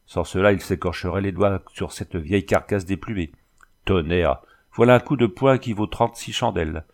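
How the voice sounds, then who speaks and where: Man reading as a drunk, crude street ruffian; loud rambling bluster. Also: low-pitched, normal speed. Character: drunken ragged male ruffian, crude and rowdy.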